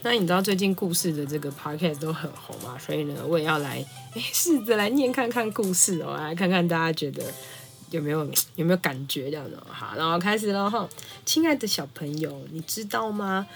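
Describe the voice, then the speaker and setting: A woman psychologist, telling a family story and reading a picture book aloud in a lively, laughing way. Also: deep voice, quick pace, creaky, faint music behind. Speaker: psychologist podcast host.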